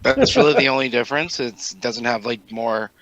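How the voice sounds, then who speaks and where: A man's voice: mid-range voice, very animated, moderate pace, fairly bright tone, no room sound, lo-fi sound. Easygoing man asking questions. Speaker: podcast co-host. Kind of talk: casual chat.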